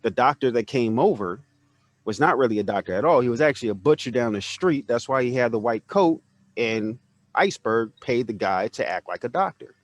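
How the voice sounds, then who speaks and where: A man's voice: mid-range voice, expressive, brisk, no room sound. A man hosting a podcast, retelling a story in loose casual chat, padding it with "you know" and acting out the quoted characters. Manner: rambling retelling full of "you know" fillers. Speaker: podcast host. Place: home, neighbor mowing outside.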